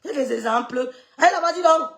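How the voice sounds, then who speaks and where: Middle-aged woman with a high, gravelly voice, scolding in a live rant. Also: lively intonation, a little fast, fairly bright tone. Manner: scolding, scornful, repeats dismissive sucks of the teeth. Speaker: social media gossip streamer. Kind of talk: heated live-stream rant.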